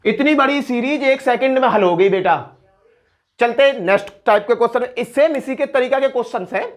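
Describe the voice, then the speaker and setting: A man's voice: very high voice, a little fast. A man teaching an exam-prep math lesson, walking through sums step by step and coaxing students as "beta" with confident encouragement.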